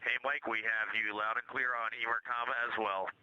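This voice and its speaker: A man on a spacecraft crew, giving steady, matter-of-fact callouts over a radio communication link. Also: on the low side, moderate pace, no echo. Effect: radio comm link. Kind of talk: clipped radio comm procedure. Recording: dull lo-fi radio audio.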